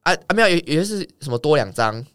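A man's voice: a little high, smooth, dry recording, studio quality. A young man, telling a story in a casual chat, swearing freely as he talks. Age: young adult. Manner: rapid, swearing, animated anecdote telling. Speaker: guest.

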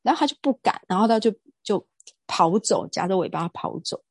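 A woman's voice: medium pitch, expressive, brisk, a little mellow, no room sound. A woman, a guest speaking earnestly in a casual interview and telling stories with emphasis and some hesitation. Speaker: guest speaker on sexual assault prevention.

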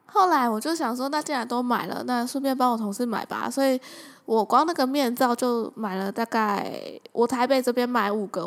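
A young woman with a Taiwanese Mandarin accent, hosting a casual chat and telling stories in a lively, chatty way. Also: fairly high pitch. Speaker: podcast host.

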